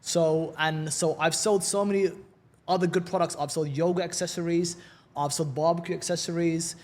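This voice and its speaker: His voice is fairly high and darkish, with a steady tone and moderate pace. Originally from London, England, and speaking with a London accent, he's a cheerful, chatty podcast guest who often doubles up words at the start of sentences.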